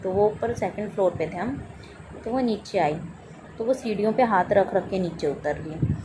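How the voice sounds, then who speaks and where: Over a steady background noise, a mother earnestly recounts a frightening day with her daughter as a personal miracle testimony. Her voice is mid-range at a moderate pace, and she acts out both her own lines and her daughter's.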